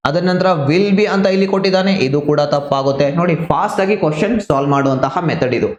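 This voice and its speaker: A man's voice: on the high side, quick pace. Kannada-accented male teacher, echoey room. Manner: explains step by step, mixing English into Kannada. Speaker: exam prep teacher. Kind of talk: online class lecture.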